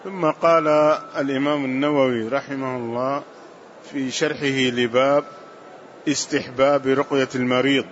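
A man reading classical religious texts aloud in a lesson, in a measured, formal way. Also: medium pitch, steady tone, highs cut off, slight background noise. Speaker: student reading hadith text aloud. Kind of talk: recitation of classical hadith text.

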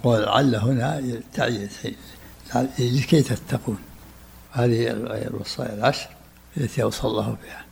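A man, teaching a study session, explaining a text and directing the reader with brisk short prompts. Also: mid-range voice, fairly even intonation, gravelly, a little hiss or hum.

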